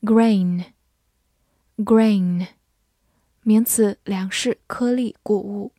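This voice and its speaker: A woman teacher reading out an English word list, saying each word twice and giving its meanings in an even recitation. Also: mid-range voice, very slow, no echo. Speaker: vocabulary teacher.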